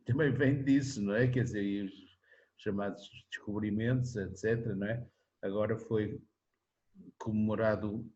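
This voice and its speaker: A man in his seventies with a European Portuguese accent, answering in a relaxed interview, rambling with restarts and frequent tag questions. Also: on the low side, lo-fi sound. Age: 70s. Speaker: interviewee, singer-songwriter.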